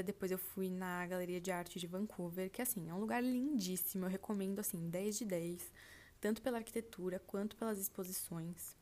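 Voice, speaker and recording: A mid-range, slightly mellow voice belongs to this Brazilian woman turning 20, who hosts a podcast and chats about her travels. Fillers such as "tipo assim" pepper her speech, and she refers to her listeners as "gente."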